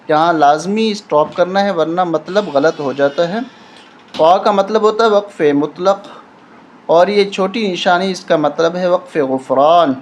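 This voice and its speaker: A man's voice: high voice, slight background noise. A man teaching a recitation lesson, patiently spelling out letters and rules one at a time. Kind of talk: step-by-step tajweed lesson.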